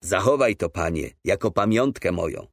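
A man's voice: sits low, lively intonation, normal speed, no echo, clean studio sound, voice pushed down. A man voicing an earnest, devoted father. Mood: gentle. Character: warm, devoted middle-aged father. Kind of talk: audiobook character voice.

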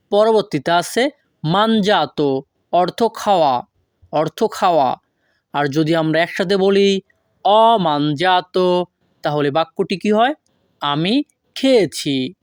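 Patient online tutor, unhurried and methodical, recorded dry and close. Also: medium pitch, no room sound. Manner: deliberate, repeats each foreign phrase slowly, asks and answers own questions. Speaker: language teacher. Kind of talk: online language lesson.

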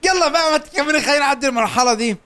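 A young man with an Egyptian Arabic accent giving excitable, joking commentary as he plays a game. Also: extremely high pitch, very fast. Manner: excitable, joking, urging his character on. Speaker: gaming YouTuber. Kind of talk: Let's Play commentary.

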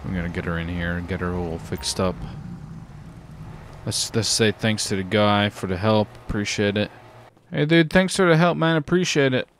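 The gamer here has a voice on the low side and talks at normal speed, with slight background noise of game ambience and vehicle sounds. Commentating in character for his roleplay video, he's casual, exclamatory, and sometimes profane.

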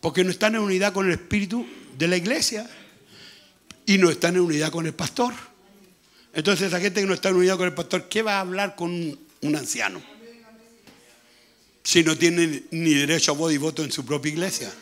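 A man with a Chilean accent preaching a sermon as pastor, with a hoarse, gravelly voice, talking loudly and repeating himself as he goes. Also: high voice, a little fast. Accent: Chilean Spanish. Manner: speaks loudly, conversational preaching with frequent repetition. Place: church.

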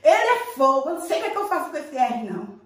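A woman's voice: sits high, very animated, very fast. A Brazilian woman teacher giving a playful, affectionate lesson to young children. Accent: Brazilian Portuguese. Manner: playful, affectionate, sing-song teacher talk. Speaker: primary school teacher. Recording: echoey room, voice a bit far from the mic.

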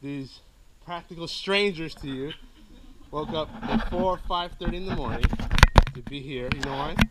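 A man filming his friend's birthday surprise outdoors, talking loud and teasing to camera. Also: a little high, moderate pace, very noisy. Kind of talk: hyped casual chat to camera. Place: outdoors at dawn, near a gym.

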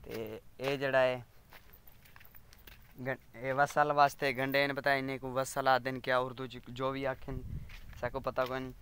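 A man's voice: mid-range voice, level tone, measured pace, pauses often, fairly bright tone, a little hiss or hum. A man with a Saraiki accent, vlogging casually from outdoor farm fields on a phone camera and rambling on to his viewers. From Pakistan. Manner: rambling, chatty, keeps asking viewers to subscribe. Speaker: village vlogger. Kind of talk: casual walking vlog.

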